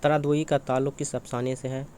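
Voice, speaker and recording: A man's voice: medium pitch, little pitch movement, a little fast, darkish tone, slight background noise. A man teaching exam preparation, walking through questions and answers in a repetitive question-and-answer manner. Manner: repetitive, asks and answers his own questions.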